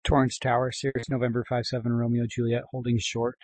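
A man speaking as a pilot, reading back clearances and making calls in aviation phraseology. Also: medium pitch, monotone, quick pace, darkish tone, no room sound. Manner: frequent throat clearing. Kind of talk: aviation radio readbacks.

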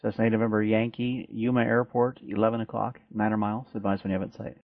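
Low-voiced male controller on dull radio. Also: little pitch movement, fast. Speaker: air traffic controller. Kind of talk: procedural radio instructions.

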